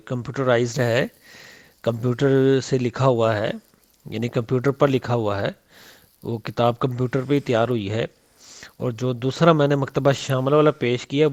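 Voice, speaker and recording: A man's voice: medium pitch, dry recording. Combative man debating in voice notes. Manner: combative, repeats points, rises to emphatic challenges. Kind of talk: heated religious debate voice messages.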